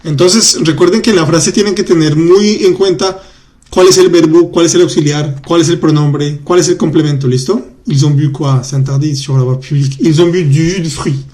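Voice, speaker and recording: A man's voice: on the high side, fairly even intonation, a little mellow. Upbeat man teaching a live class. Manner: chatty, reads out student comments, repeats words slowly. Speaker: French teacher. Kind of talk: live online class, explaining grammar.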